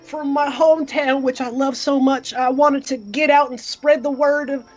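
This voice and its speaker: Player doing a bumbling earnest holy brother, high voice, halting and dramatic, tabletop rpg with music. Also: fairly even intonation, dull audio, close to an everyday voice. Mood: awed, dramatic.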